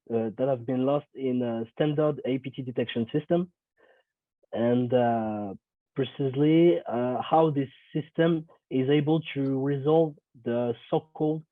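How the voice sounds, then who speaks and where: A man's voice: medium pitch, no room sound. A young man with a cold presents a technical talk, stopping and restarting often with many ums. His voice comes from a screen recording of a video call. It sounds thin and phone-like, and the sound is completely dry. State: has a cold. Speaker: conference presenter.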